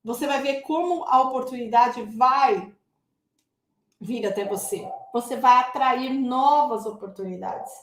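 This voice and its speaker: Teacher, woman, high voice, chatty and direct with viewers, echoey room. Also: measured pace, a little hiss or hum. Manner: lively, addresses viewers as "gente". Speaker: English teacher. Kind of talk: casual online English lesson.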